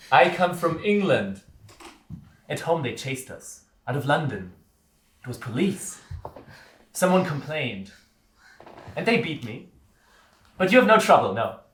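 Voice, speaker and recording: A man playing a fellow sideshow performer who speaks in halting, simple, broken phrases. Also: mid-range voice, very animated, a bit bright. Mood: gentle. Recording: echoey room with faint noise.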